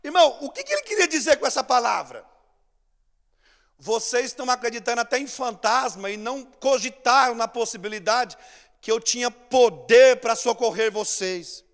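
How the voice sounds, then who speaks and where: A man with a Brazilian Portuguese accent preaching a sermon, acting out scenes, swinging between shouts and hushed asides. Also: extremely high pitch, expressive, normal speed. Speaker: pastor. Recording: long church hall reverb.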